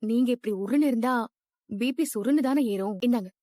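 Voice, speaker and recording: A woman's voice: a little high, fairly quick, mellow, dry recording, studio quality, close to an everyday voice. A woman playing a rich young woman who is obsessively in love, with a clingy, pleading and insistent manner in a dubbed drama.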